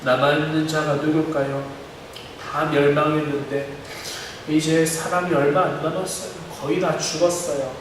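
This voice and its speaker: A man's voice: on the high side, level tone, normal speed, noisy background. A man preaching a sermon as a pastor, earnest, with passages of impassioned prayer, recorded in a church sanctuary. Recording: roomy echo from a distance.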